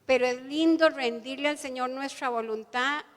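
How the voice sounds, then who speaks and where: A woman with a high, bright-pitched voice preaches an earnest sermon, often asking her listeners to agree. Her voice carries a long reverb from a church hall. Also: moderate pace. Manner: earnest, often adds the tag "¿verdad?".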